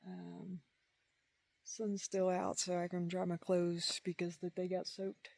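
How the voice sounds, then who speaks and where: A backpacker recording a casual, unscripted video diary outdoors at a lakeside camp, pausing and trailing off between thoughts. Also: mid-range voice, monotone, vocal fry, darkish tone. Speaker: backpacker vlogging a long trail hike. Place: outdoors at a campsite by a wilderness lake.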